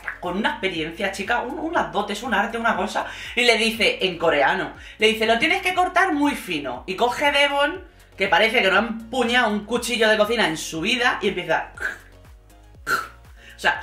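A woman with a Spain Spanish accent hosts a gossipy recap vlog, sarcastic and expressive, swearing freely. Her voice sits a little high and sounds bright and forceful. The room around her is echoey. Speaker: YouTube host recapping a reality show. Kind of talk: casual gossipy recap commentary.

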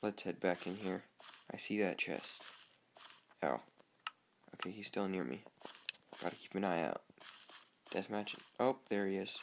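A man's voice: low-pitched, a little slow, creaky, long pauses, noisy background. A young man giving casual, chatty commentary over his own gameplay, talking to himself and easily startled. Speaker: gamer.

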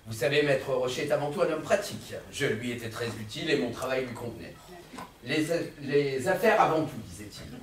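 A man's voice: mid-range voice, animated, brisk, slight background noise, lightly acted. A man playing an ambitious notary clerk in a stage comedy, explaining himself evasively with small stammers. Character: ambitious, smooth-talking young male notary clerk. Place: theatre stage. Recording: echoey hall from far off.

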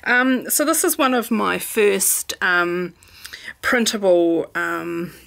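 A middle-aged woman with a New Zealand accent, chatting casually at home as she plans, relaxed and full of ums. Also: mid-range voice, takes it slowly, gravelly. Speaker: planner vlogger. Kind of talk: casual craft chat. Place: home room.

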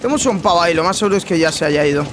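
A man from chatting casually over gameplay, just woken up, slangy and prone to loud teasing shouts. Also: fairly high pitch, animated, racing, noisy background. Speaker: gaming streamer.

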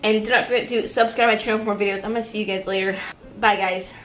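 A woman vlogger chatting casually through a cooking and eating challenge, reacting with lively exclamations. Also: medium pitch, fast talker. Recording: roomy echo, faint noise.

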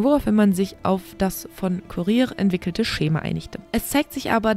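A woman's voice: medium pitch, a little mellow. Woman host reading with frank asides. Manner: frank, self-deprecating asides to listeners. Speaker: podcast host. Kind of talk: reading a researched script with casual asides.

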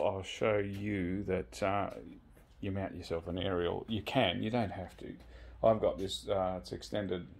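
A low-pitched, gravelly Australian man hosts a motorcycle gear video from his home garage, offering a casual, colloquial walkthrough that tends to ramble.

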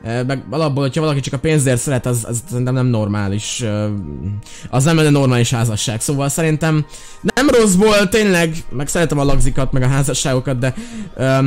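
A young man doing energetic let's-play commentary as a gaming YouTuber, excitable and shouting when the game gets tense. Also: mid-range voice, faint music behind.

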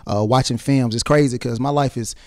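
A man's voice: medium pitch, fairly even intonation, brisk, a little mellow. A young man from the Atlanta area, talking loosely as an interview guest and saying "you know what I'm saying" a lot, into a handheld mic. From South Side of Atlanta area. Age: young adult. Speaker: rapper and actor, interview guest. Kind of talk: casual interview.

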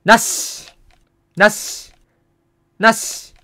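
A man's voice: very slow, sharp tone, no echo. A man streaming a horror game, muttering to himself with startled outbursts.

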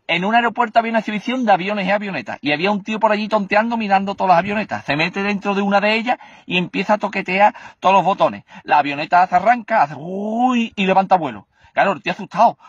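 A man's voice: sits high, breathy edge, no echo, lo-fi sound. A man telling jokes and switching voices for the characters. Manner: animated storyteller switching voices. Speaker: joke teller.

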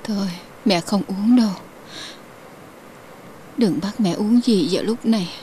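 A woman's voice: mid-range voice, measured pace, mellow, a little hiss or hum, close to an everyday voice, rough recording. An actress playing a distraught middle-aged mother, pleading insistently. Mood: distressed.

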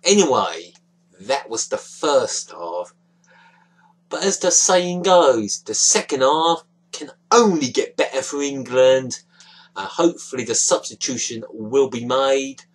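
A man's voice: medium pitch, lively intonation, slow pace, slightly rough, low-quality recording. A young man giving a frustrated, disappointed football match reaction into a webcam in a small dim room. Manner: frustrated, disappointed, gestures a lot with hands. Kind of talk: casual webcam commentary. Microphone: webcam at close range.

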